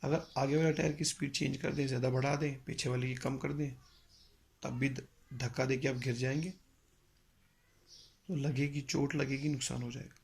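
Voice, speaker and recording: A man teaching a music lesson, explaining slowly and patiently with pauses and mixing in English phrases. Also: mid-range voice, level tone, gravelly, darkish tone. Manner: mixes English phrases into Hindi. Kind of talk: spoken lecture.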